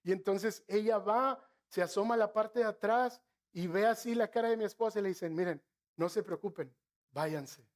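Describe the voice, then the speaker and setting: A middle-aged man with a northern Mexican accent preaching a sermon, telling stories with asides to the congregation and slowing down to stress key phrases. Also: high-pitched, fairly even intonation. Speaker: pastor.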